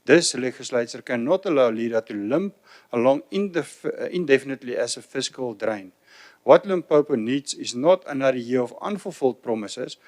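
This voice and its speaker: A man's voice: medium pitch, darkish tone. A man with a South African accent giving a prepared, declamatory debate speech as an opposition legislator.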